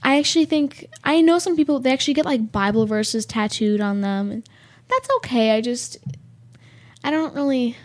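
A teenage girl chats on a student radio show, her voice sitting a bit high. She rambles casually, giggling and leaning on fillers as she talks. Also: moderate pace, a little mellow. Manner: chatty, giggly, filler-heavy with lots of likes and ums. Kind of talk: casual chat on air.

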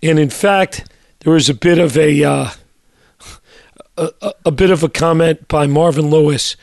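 A middle-aged male doctor co-hosting a sports talk show, his voice hoarse and a little raspy, talking in a measured way with many fillers and restarts. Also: fairly high pitch, a little mellow, dry recording, studio quality. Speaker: co-host, doctor.

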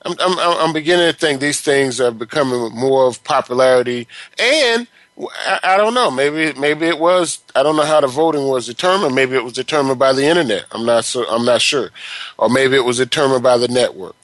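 A man co-hosting a casual sports talk chat, halting and repeating words as he builds his opinions. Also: mid-range voice, fairly bright tone, no room sound, poor audio.

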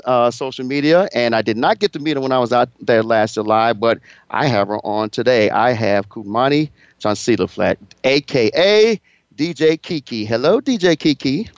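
A man's voice: mid-range voice, clean tone, no room sound, dull audio. A man hosting a radio interview show, chatting casually and often stumbling over and repeating his words. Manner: stammering, repeats words when flustered.

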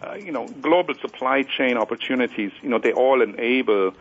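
A man's voice: medium pitch, expressive. A man calling in as a panel guest on a radio show, talking with lots of fillers and restarts. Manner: fast, with many fillers and restarts. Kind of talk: call-in interview. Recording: dull lo-fi line.

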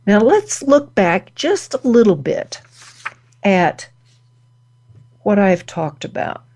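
Slow, deliberate woman giving a talk. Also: medium pitch, sing-song, darkish tone. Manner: slow, deliberate, pausing between phrases. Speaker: host. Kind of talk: spoken wellness talk.

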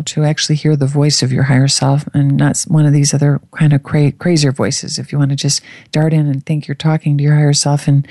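A meditation host with a mellow, dark-toned voice at a middling pitch, recorded close and dry. The delivery is soft and soothing, gently leading listeners through relaxation. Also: no room sound. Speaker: host guiding a visualization.

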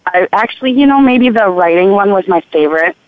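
A woman caller heard through a clipped, narrow phone line. She speaks haltingly and restarts often. The sound is dry, with no room around it. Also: medium pitch, expressive, no echo. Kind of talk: call-in chat.

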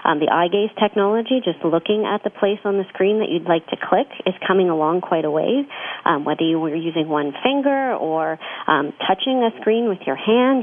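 A woman with a slightly low voice explains things informally as an expert guest. The sound is dull and narrow, like a phone or radio feed. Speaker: expert guest on assistive communication technology. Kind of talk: informal explanatory interview talk.

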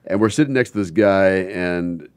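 A man's voice: low-pitched, normal speed, clean tone, no echo. Rambling middle-aged man telling concert stories. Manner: rambling storyteller, laughs often. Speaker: host. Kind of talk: casual chat.

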